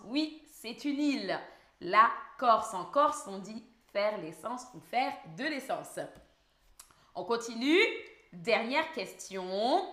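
Slow, patient French teacher woman. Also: fairly high pitch, pushed and bright, echoey room. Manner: slow, patient, repeats words for learners. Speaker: French teacher hosting a live stream. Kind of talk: live online language lesson.

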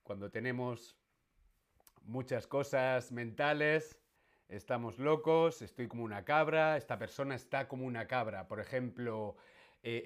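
Man, Spain Spanish accent, teacher, live-stream lesson, unhurried, playful, mid-pitched. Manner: playful, quizzing, repeats questions; makes animal noises in jest.

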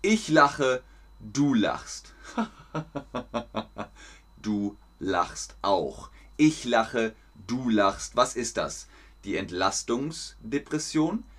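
Man, language teacher, slow careful delivery, repeats each word, playful outbursts. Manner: slow, deliberate, repeats words for learners; lively, with sudden high sounds and laughs. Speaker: German language teacher streaming a lesson. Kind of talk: slow, clear teaching stream with examples.

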